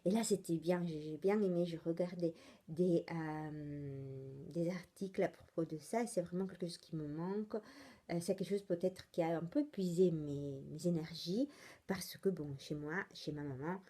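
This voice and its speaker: A woman's voice: on the low side, normal speed, warm tone. A woman with an Italian accent hosting a casual knitting podcast, rambling and hesitant with many fillers and restarts. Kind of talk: casual chatty podcast monologue.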